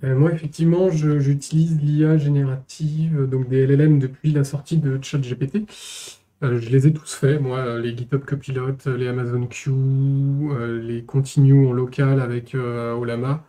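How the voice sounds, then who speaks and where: Flat, dark-voiced man explaining tech. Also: medium pitch, moderate pace. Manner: explains technical terms plainly. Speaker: developer, podcast guest. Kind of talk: casual tech panel chat.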